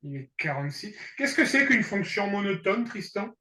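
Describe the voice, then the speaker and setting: High, bright-voiced joking male math tutor. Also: sing-song, normal speed, roomy sound. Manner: joking, teasing, laughs often. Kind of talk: online tutoring session.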